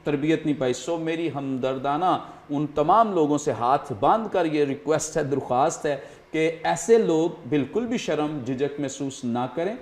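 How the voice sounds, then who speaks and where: Guy hosting a studio talk show, earnest, lots of um and like, voice on the higher side. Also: few pauses, a little mellow. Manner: earnest, explaining with many fillers. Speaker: host.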